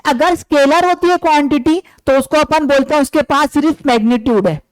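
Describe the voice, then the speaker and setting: A man's voice: extremely high pitch, brisk, no room sound, rough recording. A man teaching a physics class who keeps asking questions and answering them himself, calling his listeners his dear students.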